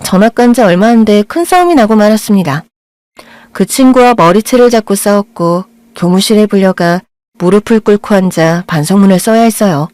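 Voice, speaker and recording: A woman's voice: medium pitch, darkish tone, dry recording. A woman narrating a confessional audio drama in a reflective, first-person storytelling voice.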